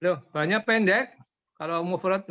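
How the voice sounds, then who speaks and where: A man's voice: sits high, measured pace, bright, forceful tone. A man answering as a student in an online class, hesitant and thinking aloud. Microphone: video call. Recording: muffled video-call audio.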